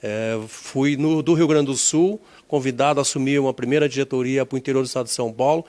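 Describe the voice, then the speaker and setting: A man in his sixties from southern Brazil with a Gaúcho accent, an insurance executive recalling his career in an interview, measured and repeating words as he searches for them. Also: medium pitch, fairly even intonation, a little mellow. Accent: Gaúcho Brazilian Portuguese.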